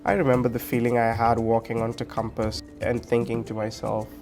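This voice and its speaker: A man's voice: medium pitch, monotone, fairly quick, darkish tone. Young Kenyan man with music behind. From Nairobi, Kenya. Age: 20s. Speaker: student body president. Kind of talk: personal storytelling in an interview. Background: background music.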